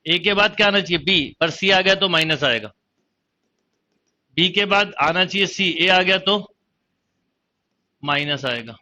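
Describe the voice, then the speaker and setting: A man's voice: high voice, animated, a little slow, long pauses, bright, forceful tone. A man teaching a math lesson online, explaining step by step and quizzing his students as he goes. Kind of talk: online exam-prep lecture.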